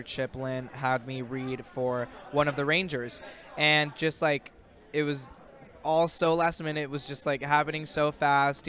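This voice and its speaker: A man's voice: medium pitch, a bit bright. A young adult man, an actor guest, answering interview questions in a loose, rambling way full of ums and likes. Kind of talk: casual interview chat. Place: outdoors in a built-up area.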